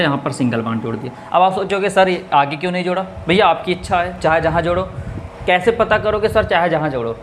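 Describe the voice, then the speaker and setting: A male chemistry teacher with a slightly high voice gives a classroom lesson at a board. He asks students questions, answers them himself, and counts out the steps one by one, with faint noise in the background.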